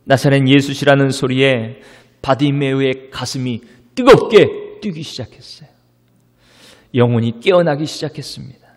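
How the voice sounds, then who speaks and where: A male pastor preaching a sermon, dramatic, moving between loud declarations and hushed whispers. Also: medium pitch, normal speed. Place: church sanctuary. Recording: long church-hall reverb.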